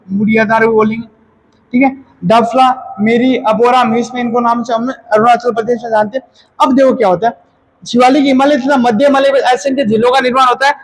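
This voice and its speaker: A man with a very high-pitched voice gives an exam-prep lecture. He drills key terms by asking them back as questions. He often stops to correct his own slips. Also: poor audio. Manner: casual explaining tone. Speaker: teacher.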